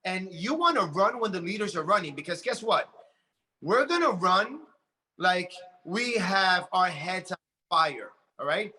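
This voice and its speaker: A man in his late forties giving an energetic motivational talk about his business, often repeating words as he builds up steam. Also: sits high, measured pace. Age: 40s. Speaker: network marketing leader.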